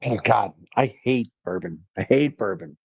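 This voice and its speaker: A man's voice: on the low side, lively intonation, moderate pace, vocal fry, breathy edge, no echo. A man co-hosting a casual talk show, throwing in playful wisecracks. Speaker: podcast co-host. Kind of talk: casual chat. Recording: dull lo-fi mic.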